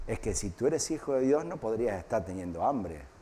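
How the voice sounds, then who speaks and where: A man putting on a sly, low devil. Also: expressive, slow, darkish tone, slight background noise. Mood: whispering. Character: sly tempting male devil, taunting.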